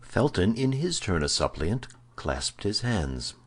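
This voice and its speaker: Male narrator, audiobook, husky, very low voice, measured. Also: big pitch swings. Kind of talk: scripted narration.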